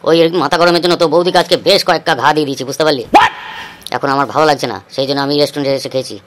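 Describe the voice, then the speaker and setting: A gruff male village boss who settles everyone's disputes, as a woman puts him on in a cartoon. He gives short, commanding orders in a voice pushed down well below her own. His delivery is hurried. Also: deep voice, voice pushed down, natural voice. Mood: stern. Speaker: voice actor. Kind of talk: cartoon voice acting.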